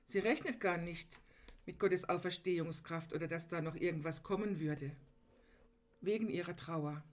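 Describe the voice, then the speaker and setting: A woman's voice: on the low side, moderate pace. A woman preaching a sermon, retelling a gospel scene earnestly and turning to her listeners with direct, emphatic appeals.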